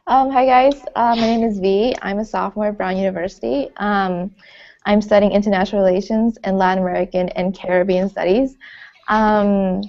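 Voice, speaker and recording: A woman's voice: mid-range voice, steady tone, normal speed, a little mellow. A young woman from Florida, a college student on a panel, talking casually with many fillers and restarts. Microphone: video call. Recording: lo-fi video call audio.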